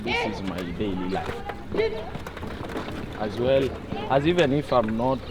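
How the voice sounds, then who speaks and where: A young man from eastern Congo speaking in a documentary interview, halting and searching for words. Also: medium pitch, lively intonation, very noisy. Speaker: refugee interviewee.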